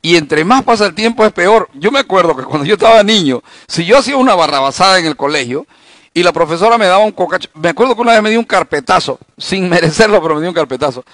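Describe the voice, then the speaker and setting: Animated preacher, man, dry close sound. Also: sits high, fast talker, dry recording. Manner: conversational preaching with anecdotes and rhetorical questions. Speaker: pastor. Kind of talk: Bible study sermon.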